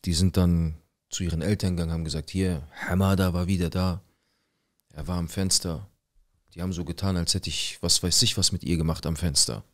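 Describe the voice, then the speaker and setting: A man's voice: low voice, steady tone, fairly quick, no room sound, clean studio sound. A young man telling a personal story in casual street slang, acting out quoted dialogue. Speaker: guest telling his life story.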